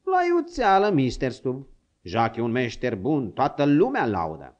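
A man's voice: mid-range voice, huge pitch swings, a little mellow. A man voicing an eager, obliging young male servant, in a dull lo-fi audiobook recording. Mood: helpful.

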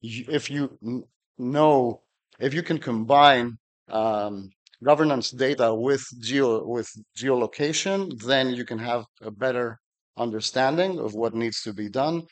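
A man's voice: mid-range voice, a little slow. A middle-aged man from Greece, giving a technical conference talk at a podium with dry humor and frequent fillers. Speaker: conference speaker.

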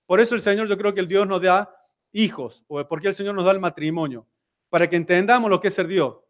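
A man with a Rioplatense Spanish accent, speaking as a seminar speaker at a church, gives a conversational sermon full of rhetorical questions to the congregation. His voice is high-pitched and he talks fast.

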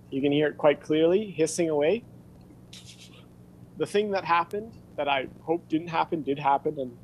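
In an indoor home studio filled with tape gear, a man in his thirties runs an informal hands-on workshop, chatting casually and thinking aloud as he demonstrates. His voice is fairly high and a little mellow, and the rough recording has slight background noise.

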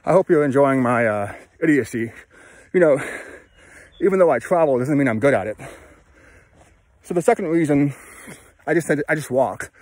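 A man in his thirties walking outdoors, talking to a phone held at arm's length in a halting, self-deprecating way, sweaty from hiking. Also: mid-range voice, expressive, darkish tone, no echo. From California, USA. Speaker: travel vlogger. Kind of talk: rambling walk-and-talk vlog. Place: outdoors on open hills.

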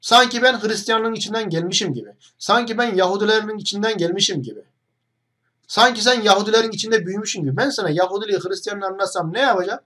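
A man's voice: sits high, quick pace, bright, forceful tone. A young man hosting an online video, talking straight to the camera in a mocking, combative monologue full of rhetorical questions.

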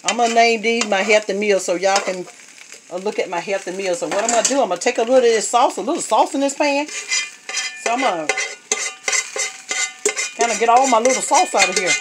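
In a mid-range voice, brisk but broken by long pauses, a woman narrates a home cooking video in her kitchen. Chatty and homey, she keeps saying "y'all" to viewers; her phone, held over the pot, picks up a noisy mix of clinking pots and utensils.

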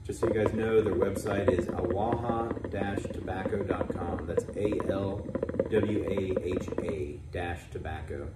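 A man's voice: low-pitched, fairly even intonation, unhurried. A man co-hosting a casual hookah review, talking with a mouthpiece in his mouth, blunt in manner. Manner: blunt, laughs easily. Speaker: co-host reviewing hookah flavors. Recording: echoey room, mic at a distance, loud noise.

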